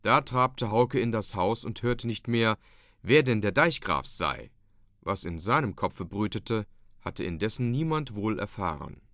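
A man reading a story aloud in a scripted narration style, lively and voicing the characters' quoted lines. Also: medium pitch, dry recording, studio quality. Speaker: audiobook reader.

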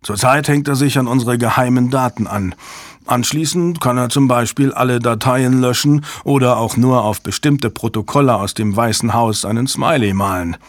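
A man voicing a brash, loud male computer security chief who talks in a sarcastic, booming, scornful way. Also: moderate pace, dry recording, clean studio sound, close to an everyday voice.

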